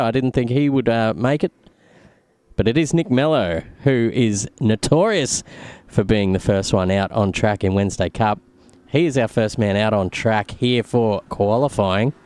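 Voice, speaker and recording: A man's voice: medium pitch, expressive, normal speed, darkish tone, no echo. Clean resonant male voice, conversational motorsport commentary, host, dry sound. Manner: conversational, colloquial. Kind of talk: live sim racing commentary.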